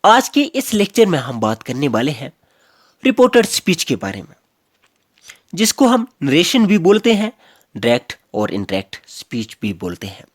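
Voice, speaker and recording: A man's voice: on the high side, huge pitch swings, normal speed, dry recording, studio quality. A man teaching a grammar lecture, explaining step by step and repeating key phrases.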